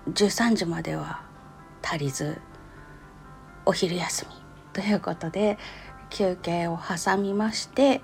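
A woman's voice: on the low side, gravelly, a little mellow. Woman with a cute anime-like voice, music behind. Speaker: host of a personal audio diary. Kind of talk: casual monologue recounting an experience.

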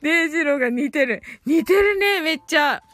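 A woman's voice: high-pitched, animated, a little fast, a bit bright, no echo. A woman hosting a casual live stream, reading listener comments aloud and laughing often. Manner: giggly, reads comments aloud with frequent laughter.

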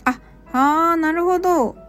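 A woman's voice: very high voice, measured pace, a bit bright, soft background music. A woman who teaches English at a cram school, chatting casually on a live stream and reacting to listener comments with small laughs.

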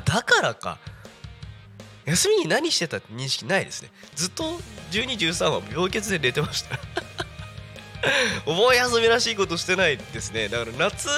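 A man's voice: mid-range voice, pushed and bright. A man hosting a casual live local radio show, chatty and rambling, laughing often, with a stuffy nose and throat. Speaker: radio personality.

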